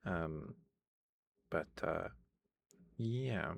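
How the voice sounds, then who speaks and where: A man speaking softly in a casual ASMR style, reading and chatting, with a tired, worn-out voice. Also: animated, extremely slow, a little hiss or hum. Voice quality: low, creaky voice. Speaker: ASMR host reading aloud. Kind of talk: soft-spoken ASMR reading and chat.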